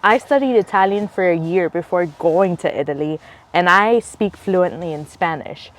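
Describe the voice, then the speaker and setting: A woman's voice: on the low side, moderate pace. A woman in her thirties hosting a podcast, chatting casually with short, easygoing remarks. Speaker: podcast host. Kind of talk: casual chat.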